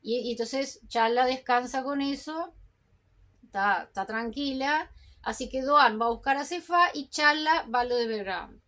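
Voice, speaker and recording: A woman's voice: sits high, measured pace, fairly bright tone. A woman casually recapping and commenting on a TV series, chatty and full of restarts and asides.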